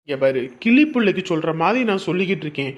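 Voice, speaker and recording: A man's voice: sits high, lively intonation, racing, muffled recording. An actor playing a stubborn young husband who lectures his wife and turns harsh, in a family drama. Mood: firm persuading. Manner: lecturing, repeats himself, grows harsh. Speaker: husband leaving home for work. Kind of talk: Tamil family drama acting.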